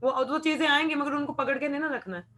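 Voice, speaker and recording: A young woman leads an informal spiritual class, explaining things patiently and mixing in English phrases. Her voice sits fairly high. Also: steady tone, fast, fairly bright tone, a little hiss or hum. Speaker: devotional class speaker.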